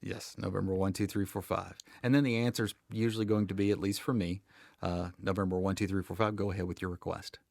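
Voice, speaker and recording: An American air traffic controller speaks as an expert podcast guest, conversational, emphatic and plain-spoken with dry humor. His low, gravelly voice has a darkish tone and little pitch movement, he talks fast, and there's no echo.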